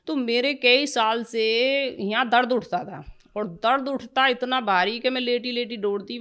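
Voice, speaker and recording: A middle-aged woman tells her own story with deep earnestness and feeling. She talks in a loose, rambling way, often breaking off mid-word and starting over. Her voice sits at an ordinary pitch for a woman. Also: a bit bright. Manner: earnest, emotional, rambling with restarts. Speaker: devotee giving a testimony. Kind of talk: personal testimony storytelling.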